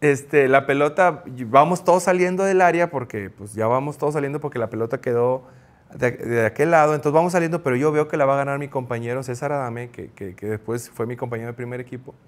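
A man's voice: mid-range voice, quick pace. Mexican man telling a story. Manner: animated anecdote telling with quoted shouts. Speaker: guest, former goalkeeper. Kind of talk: storytelling in an interview.

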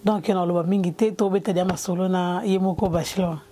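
A woman's voice: on the low side, steady tone, brisk, mellow, slight background noise. A young woman hosting an interview in a clothing shop, switching between Lingala and French, speaking into a handheld mic. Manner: mixes Lingala and French, brief assents. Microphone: handheld mic with windscreen.

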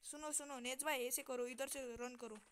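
A woman streamer giving excitable live gameplay commentary, swearing and shouting orders at her teammates. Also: high-pitched, normal speed. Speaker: gaming streamer. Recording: heavy background noise.

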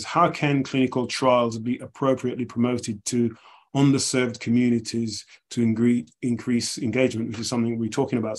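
Fast-talking man chairing a panel. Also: mid-range voice, darkish tone. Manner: brisk, conversational moderator. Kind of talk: moderating a panel Q&A. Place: small room indoors.

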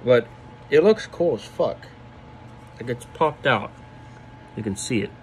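Young man, 20s, laid-back off-the-cuff reviewer, mouth packed with dip, average pitch, noisy room hum behind. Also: lively intonation, a little slow. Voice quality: talking with a lip full of dip. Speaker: product reviewer. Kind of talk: casual vlog review, off the cuff. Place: small room indoors. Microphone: phone at arm's length.

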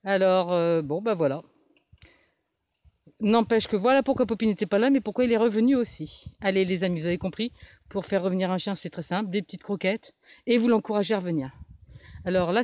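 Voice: medium pitch, a little mellow, no echo. Vlogger chatting casually on a walk outside, dog tips, bit muffled lofi phone sound. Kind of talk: casual outdoor vlog, informal chat. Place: outdoors on a forest path.

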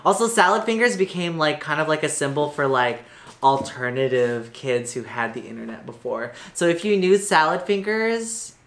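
A man's voice: on the high side, normal speed, a bit bright, echoey room. A man with a sassy, campy drag queen manner, giving casual reaction commentary as a show host. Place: small studio, indoors. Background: music.

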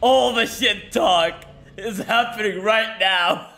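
A young man streaming a video game, reacting loudly with laughter, constant swearing and excited shouts. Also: high-pitched, takes it slowly, creaky, soft background music. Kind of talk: live gameplay reactions.

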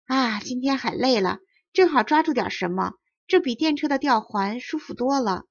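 A woman's voice: high voice, a little fast. Woman playing a big teasing schoolboy from a storybook, singsongy, dull muffled sound. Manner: sing-song teasing. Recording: dull lo-fi audio.

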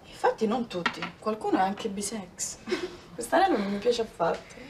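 A woman's voice: mid-range voice, sing-song, normal speed, recorded from a distance, background noise. An actress playing a blunt young woman friend who talks in a teasing way. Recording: voice a little off-mic.

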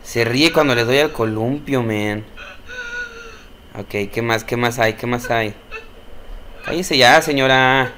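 A man's voice: mid-range voice, slow pace, pauses often, pushed and bright, a little hiss or hum. A young man with a Mexican Spanish accent playing a horror game on stream, cursing often, jumping at scares and talking back to the game's characters. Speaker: gameplay streamer. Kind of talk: horror gameplay commentary.

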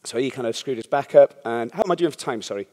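A man's voice: medium pitch, fast, warm tone. A man, a startup founder, giving a candid, rambling talk at a conference, often checking in with the audience. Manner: rambling, frank, swears casually, asks audience "yeah?". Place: conference hall. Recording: long hall reverb.

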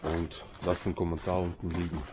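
In a very noisy lakeside setting, a Swiss vlogger talks fairly quickly in a low, level voice. Swiss German is his first language and he has a Swiss accent, and he's casually chatting and joking with the people watching.

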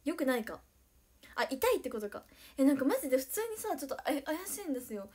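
Young woman, high bright voice, bubbly livestream chatter, giggly, reads out viewer comments. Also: fast talker. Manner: excitable, giggly, thanks viewers by name. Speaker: idol livestreamer. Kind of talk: casual livestream chat reading viewer comments.

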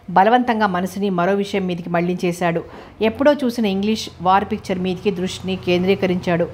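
A woman with a mid-range voice reads an audiobook of a novel in an even storytelling tone, handling every character's dialogue on her own.

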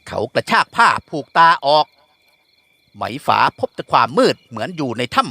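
A man reading a classic novel aloud with expressive storytelling. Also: mid-range voice, normal speed, creaky, no room sound. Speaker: audiobook narrator. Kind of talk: scripted novel narration.

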